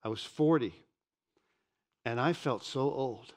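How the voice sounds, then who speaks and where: A man in his sixties preaching a sermon from a church pulpit, animated and often repeating words as he starts a sentence. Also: mid-range voice, takes it slowly. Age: 60s. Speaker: pastor. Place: church stage behind a pulpit.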